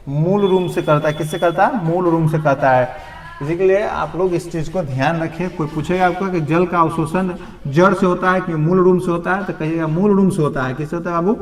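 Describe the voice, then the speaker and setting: A male teacher with a Bihari Hindi accent runs a classroom lesson, firing a question at his students and answering it himself again and again. His voice sits a little high. He sounds set back from the mic in a roomy, echoing classroom. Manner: drills students with repeated questions, calling them "babu". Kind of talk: classroom lecture at a board. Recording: roomy echo from a distant mic.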